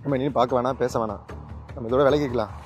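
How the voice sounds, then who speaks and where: An actor playing Karthick, a caring young boyfriend who speaks gently and coaxingly, with music under the dialogue. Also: male voice, medium pitch, quick pace, dull audio, lightly acted. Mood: firm. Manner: coaxing, gentle, then flat and firm. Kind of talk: romantic web series acting.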